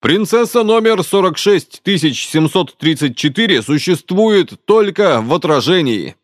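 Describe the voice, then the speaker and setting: A man's voice: high voice, lively intonation, measured pace, no echo, clean studio sound, voice pushed up. A man playing a tired, earnest young wanderer who pleads with a princess's reflection. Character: weary, earnest young knight-errant.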